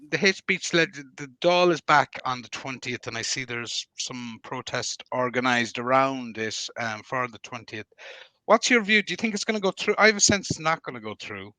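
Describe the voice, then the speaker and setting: A man hosting an interview, asking halting, hesitant questions. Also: medium pitch, bright, forceful tone, no echo, poor audio. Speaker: interviewer, host of the series.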